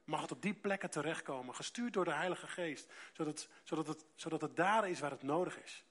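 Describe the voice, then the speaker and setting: A man from the preaching a sermon, reading scripture aloud and stressing key words by slowing down and rising in loudness. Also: a little high. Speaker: pastor.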